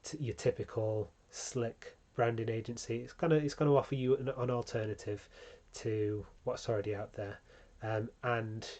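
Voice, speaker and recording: A man explains branding in a relaxed, casual tutorial, filling pauses with ums and correcting himself as he goes. His voice sits mid-range and stays fairly flat, with little rise or fall. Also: mid-range voice. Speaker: channel host teaching branding.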